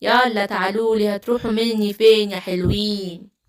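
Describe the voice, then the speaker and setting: A woman's voice: medium pitch, fairly even intonation, a little fast, natural voice. A woman voicing an evil male gorilla villain in a children's storybook, growling threats with an Egyptian Arabic accent. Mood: menacing. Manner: growling threats, mocking laugh.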